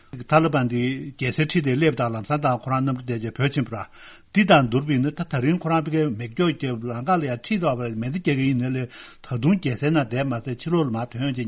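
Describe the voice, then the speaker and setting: A man's voice: mid-range voice, slightly rough. A man talking alone about world affairs in a rambling, run-on way. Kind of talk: solo talk on world affairs.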